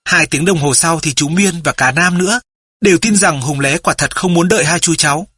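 A man narrating a children's story audiobook in a steady storytelling manner. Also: a little high, a little fast, husky, no room sound, clean studio sound.

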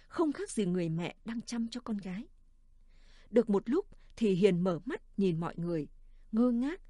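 A woman narrating a story in a calm, measured audiobook reading. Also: mid-range voice, no room sound, studio quality.

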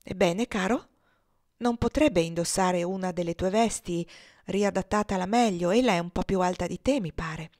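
A woman reading an audiobook, voicing a gentle, affectionate senator's wife close to her own voice. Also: on the low side, moderate pace, no echo, lightly acted. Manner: soft, affectionate.

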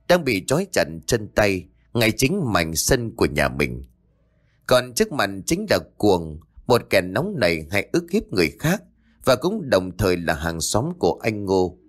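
A man narrating a horror story in a dramatic, expressive way. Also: lowish voice.

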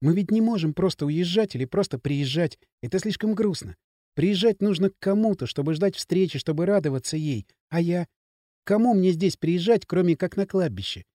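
A male reader voicing a frightened young woman who speaks through tears in halting, pleading phrases. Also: high-pitched, expressive, mellow, no room sound, clean studio sound. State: crying. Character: young woman, tearful and anxious.

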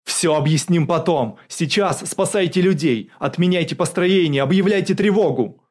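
A man voicing a desperate male special forces officer who shouts urgent orders. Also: medium pitch, steady tone, normal speed, lightly acted. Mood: urgent, shouting.

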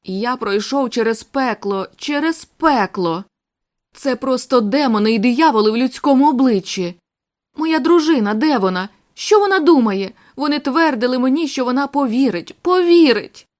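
A woman voicing a haunted young man, anguished and faltering, high and lively in pitch, audiobook reading. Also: normal speed. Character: shaken young man, former captive.

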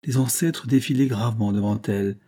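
Low husky male storyteller. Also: a little fast, dark tone. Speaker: audiobook reader. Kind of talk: scripted narration of a novel.

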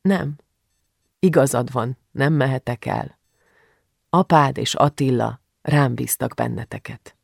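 A reader voicing a worried, stern mother in an audiobook, speaking firmly and low. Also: gravelly, no room sound, studio quality.

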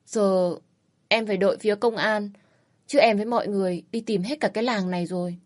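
A woman voicing an anxious young woman who answers quickly and eagerly, in a storybook reading. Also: medium pitch, steady tone, a little mellow, natural voice. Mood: worried. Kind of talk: storybook narration.

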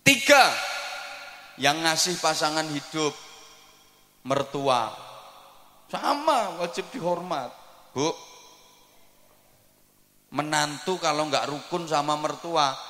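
An East Javanese man preaching in a slightly high, bright voice. He drops to soft asides and then climbs into fervent shouts. His sermon rings through a large, reverberant hall. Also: expressive, takes it slowly, long pauses.

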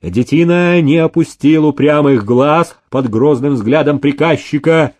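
A man reads a historical novel aloud as an audiobook narrator, in a measured and expressive way. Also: a little high, no echo. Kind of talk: scripted narration.

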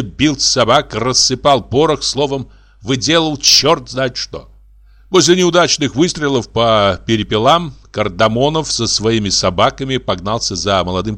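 A man narrating a comic story as an audiobook, expressive and lively. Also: mid-range voice.

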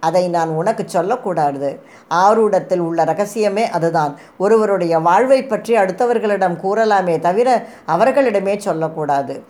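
A woman voicing a calm hunter woman of the forest who speaks in riddles and prophecies in a storybook reading. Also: mid-range voice, measured pace, close to an everyday voice. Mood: cryptic.

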